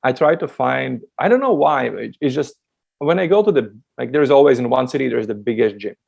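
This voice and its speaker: A man's voice: mid-range voice, animated, a little fast, creaky, a little mellow, dull audio. A man from Latvia, a dating coach guest on a podcast, talking in a chatty way with frequent laughs and many restarts. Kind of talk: casual podcast chat.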